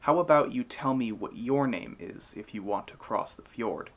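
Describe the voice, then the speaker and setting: A man's voice: mid-range voice, animated, normal speed. Man acting out insolent, taunting old ferryman. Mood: mocking. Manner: mocking, provoking. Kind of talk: storybook retelling of a myth.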